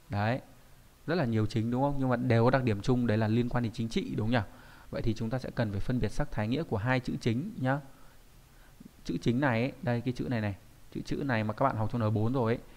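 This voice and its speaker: A man teaching an online kanji lesson in a chatty, explanatory way, often pausing to check that his students follow. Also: mid-range voice, a little mellow. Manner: explanatory, with frequent checking tags. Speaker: Japanese teacher.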